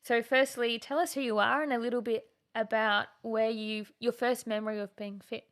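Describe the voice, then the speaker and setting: A woman's voice: fairly high pitch, fairly even intonation, normal speed. A woman, co-hosting a podcast in bubbly casual chat and laughing often. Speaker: podcast co-host.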